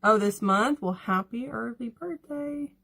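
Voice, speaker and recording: A woman's voice: a little high, a little slow, creaky, a bit bright. A woman hosts a makeup livestream. She talks in a loose, rambling way, full of "like" and small laughs, and answers viewers between steps. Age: 30s. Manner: chatty, rambling, laughs often, reads out viewer comments. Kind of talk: casual livestream chat while doing makeup.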